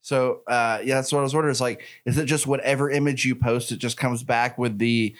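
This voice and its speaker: A man's voice: medium pitch, fairly even intonation, a little fast. Curious man asking follow-ups. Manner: curious, asks follow-up questions. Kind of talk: casual chat.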